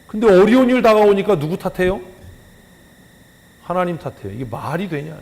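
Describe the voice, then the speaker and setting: A man preaching a sermon as pastor, firing rhetorical questions at the congregation and swinging from loud scolding to hushed emphasis. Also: high-pitched, sing-song, moderate pace, creaky. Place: church sanctuary. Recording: long church hall reverb.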